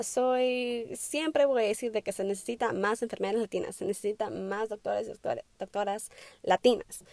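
On her podcast, a woman in her twenties talks casually and personally in Spanish, hesitating, restarting and using lots of fillers while English words slip in. Her medium-pitched voice is a little mellow, with no room sound.

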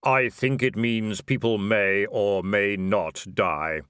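A man voicing Death, a calm, matter-of-fact robed supernatural being in an audiobook, in a slow, solemn deadpan. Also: on the low side, clean tone, no room sound, clean studio sound.

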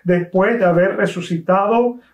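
A man preaching a sermon, telling a story with emphatic, slowly stressed phrases. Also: high-pitched, a little mellow, echoey room. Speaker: pastor.

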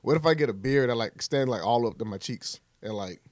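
A man co-hosting a casual group chat, animated and laughing, full of crude slang. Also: medium pitch, quick pace, dry recording, clean studio sound. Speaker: podcast co-host.

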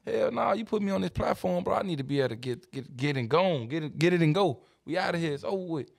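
A man's voice: fairly high pitch, animated, fast, creaky. A man, a rapper guest, chatting on a podcast in a rambling, slang-heavy way and repeating himself. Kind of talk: casual podcast chat.

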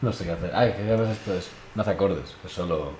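A man's voice: low-pitched, brisk, over music. A man co-hosting a podcast, in casual playful banter during a made-up word game. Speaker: podcast co-host. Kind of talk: casual chat.

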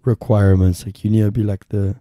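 A man's voice: on the low side, level tone, a little fast, no echo, lo-fi sound. A young adult man chatting casually as a podcast co-host, slangy, sweary and joking. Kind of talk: casual chat.

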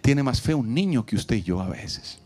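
A man, preaching an outdoor sermon as pastor, animated and humorous, acting out little dialogues and asking the crowd to repeat after him. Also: mid-range voice, moderate pace. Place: outdoors in a parking lot.

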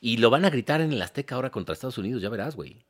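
A man's voice: mid-range voice, expressive, racing. A middle-aged man with a Mexican Spanish accent, a sports talk co-host, speaking bluntly and emphatically and swearing freely. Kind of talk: casual football chat.

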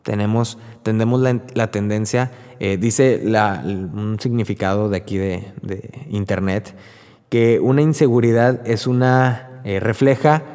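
A man with a Mexican accent giving an informal Bible reflection, telling the story in a lively, conversational way with many fillers. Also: fairly low pitch, measured pace, clear, resonant tone. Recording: long hall reverb.

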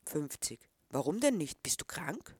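A woman's voice: low voice, very animated, unhurried, darkish tone, breathy edge, no echo, clean studio sound, exaggerated voice. A woman reading the part of a disapproving middle-aged man who questions a boy. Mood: stern.

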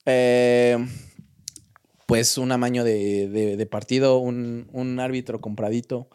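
A man's voice: medium pitch, flat delivery, slow, darkish tone, smooth. A young man with a Mexican accent, chatting casually on a podcast, slangy and full of restarts and fillers. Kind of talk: casual chat.

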